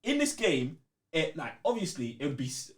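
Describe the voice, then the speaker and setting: Casually discussing video games as co-host of a gaming podcast, a London-accented man speaks at normal speed in a slightly high voice with big pitch swings. He's emphatic and slangy, repeating points to hammer them home.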